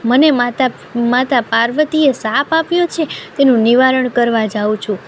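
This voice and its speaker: A woman's voice: fairly high pitch, normal speed, slight background noise, lightly acted. A woman voicing a humble, cursed priest in a devotional storybook tale, imploring.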